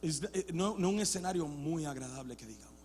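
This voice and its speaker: A man preaching a sermon as a pastor, switching between Spanish and English, restarting words often and swinging from quiet talk to loud shouting. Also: fairly high pitch, expressive, a little fast, in a large hall, a little hiss or hum. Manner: builds to loud shouted passages, then drops to quiet. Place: church sanctuary.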